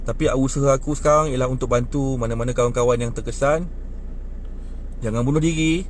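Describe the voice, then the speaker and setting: A Malaysian man in his 20s, short on sleep, talks fairly quickly and indignantly about politics to people near a bus stop outdoors. He's animated, his pitch climbing as he gets worked up, and there's a little hiss or hum on the audio.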